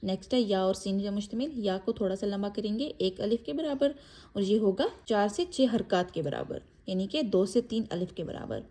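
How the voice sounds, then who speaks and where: A woman teaching a step-by-step Quran reading lesson, explaining each letter briefly and then reciting it with long drawn-out vowels, mixing English words into her explanations. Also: medium pitch, lively intonation, warm tone.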